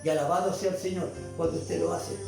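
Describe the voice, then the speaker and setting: A woman's voice: on the low side, fairly even intonation, brisk, creaky. A woman preacher delivering a sermon, repetitive and full of exclamations. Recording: very echoey hall, far from the mic, music behind.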